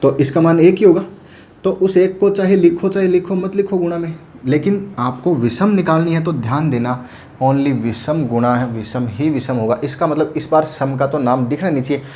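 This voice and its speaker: Teaching math at a board, this man speaks at normal speed in a fairly high, warm voice, over a little hiss or hum. Throughout the classroom lecture he poses questions he answers himself and repeatedly says "ध्यान देना" so students pay attention.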